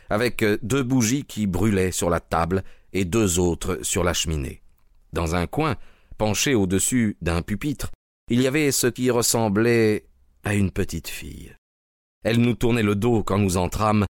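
A man narrating a detective story in a steady audiobook style. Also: low voice, no room sound, clean studio sound.

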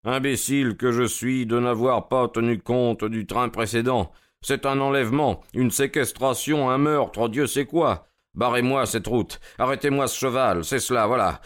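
A brisk, impatient detective from an audiobook, played by a male narrator, giving quick, commanding orders with urgency. His voice sits a little higher than the narrator's own. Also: expressive, lightly acted. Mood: urgent. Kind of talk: audiobook character reading.

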